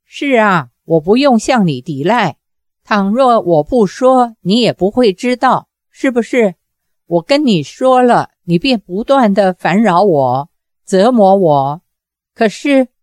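A woman voicing an anguished young male Taoist who pleads with his tormentor, lowering her voice for him. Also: big pitch swings, slow, darkish tone, dry recording, studio quality. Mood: dreamy, tender. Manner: desperate, begging, low-voiced.

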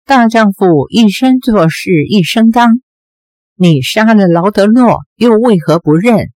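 A woman voicing a proud, hot-tempered young swordswoman who speaks in sharp accusations, in a slow, dry read. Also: medium pitch, animated, no echo, natural voice. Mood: accusing.

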